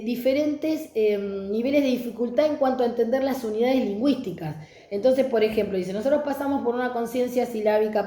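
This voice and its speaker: A woman's voice: fairly high pitch, dark tone, roomy sound. A middle-aged woman teacher giving a conversational online lecture on reading pedagogy.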